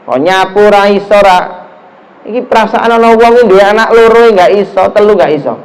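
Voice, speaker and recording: A middle-aged man from Java with a Javanese accent, giving a lively sermon in a mosque, telling stories and acting out the people in them. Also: high voice, a little fast, low-quality recording. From Java, Indonesia. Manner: animated storytelling, acts out dialogue, mixes in Javanese phrases. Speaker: preacher.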